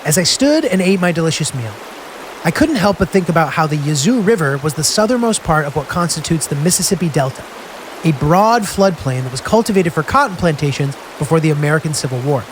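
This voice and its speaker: A man's voice: a little high, animated, fairly quick, background noise. A man hosting a travel series, telling his road trip in scripted narration with wry, self-deprecating humor.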